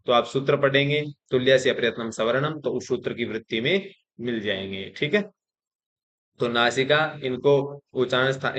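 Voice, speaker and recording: A man's voice: medium pitch, fairly bright tone. Hindi-speaking man teaching Sanskrit grammar. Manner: explains step by step, often saying 'theek hai' to check in; recites Sanskrit rules, then restates them plainly in Hindi. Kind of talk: exam-prep grammar lesson.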